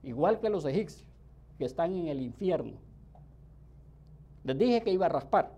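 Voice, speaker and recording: Emphatic male preacher, mellow voice. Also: a little high, expressive, moderate pace. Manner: emphatic, keeps calling out to the listeners; swings between soft asides and loud bursts. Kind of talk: sermon.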